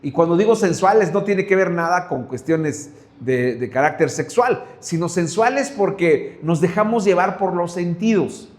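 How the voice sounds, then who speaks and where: In an echoing room, a Mexican man preaches a Bible study sermon, his fairly high, darkish voice carrying a Mexican Spanish accent. His intonation is lively and his pace moderate as he drives points home through a string of rhetorical questions.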